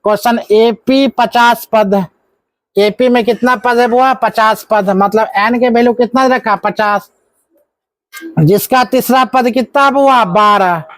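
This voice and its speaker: A man's voice: very high voice, slow, fairly bright tone, dry recording. A male math teacher, running a live classroom lesson and firing questions at the students, with scolding asides. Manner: coaxing call-and-response, scolding asides.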